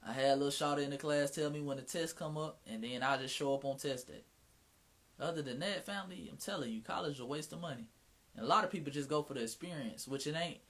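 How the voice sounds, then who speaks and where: His voice sits a little high and moves at a quick clip with some brightness. This Atlanta native, whose speech carries a Southern Mississippi twang, runs his own livestream, chatting casually in a blunt, slangy way, cursing freely and often starting over.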